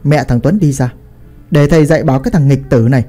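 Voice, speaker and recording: A man voicing a strict, furious old grandfather who shouts and scolds his son. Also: medium pitch, fast talker, soft background music, natural voice. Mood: commanding.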